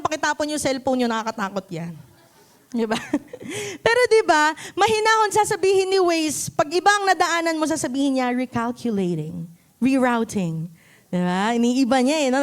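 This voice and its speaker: Filipino woman pastor, high voice, lively sermon to a church, keeps asking the room questions. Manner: asks the congregation questions often; acts out quotes in voices. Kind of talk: Taglish sermon. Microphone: handheld mic.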